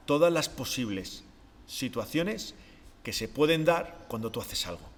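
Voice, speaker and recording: A man talks through his ideas calmly and reflectively, posing questions and then answering them himself. His voice sits in a middle register. The room adds a long, lingering reverb. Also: medium pitch, a little slow. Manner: calm, reflective, explains step by step with rhetorical questions. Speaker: podcast co-host, behavior expert. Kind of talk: explanatory podcast talk.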